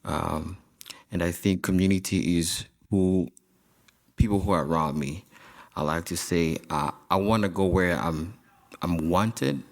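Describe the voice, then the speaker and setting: A man's voice: deep voice, measured pace, gravelly. A young man, a senior student on a panel, talking casually and with enthusiasm, often repeating himself. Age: young adult. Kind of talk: panel discussion answers.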